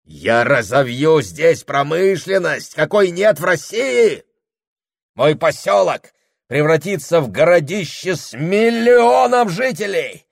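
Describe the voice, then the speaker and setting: A man voicing a domineering, grandiose husband who shouts and hammers every phrase in an audiobook. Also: high voice, creaky, dry recording, studio quality, pitched above the performer's own voice, heavily acted. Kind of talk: audiobook character voice.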